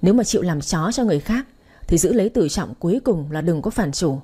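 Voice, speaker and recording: A man's voice: high voice, expressive, fast talker, warm tone, slightly rough. A woman voicing a hardened male prisoner who gives threatening, clipped orders. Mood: menacing.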